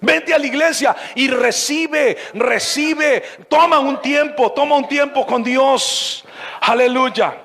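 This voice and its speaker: A man preaching from the pulpit in a strikingly high voice. He swings between calm teaching and sudden shouted exhortations to the congregation. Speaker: pastor. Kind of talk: sermon.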